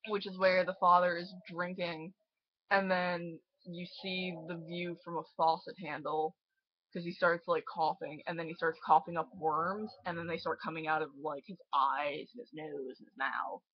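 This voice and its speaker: A woman's voice: fairly low pitch, steady tone, normal speed, dry recording, highs cut off. A young woman in her late teens giving a casual, profane, exasperated movie review and laughing often.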